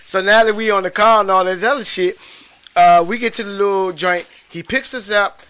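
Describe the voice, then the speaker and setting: A man's voice: high-pitched, steady tone, normal speed, pushed and bright, smooth. A male guest telling a wild personal story in slangy, profane talk, often breaking into laughter. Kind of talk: animated storytelling.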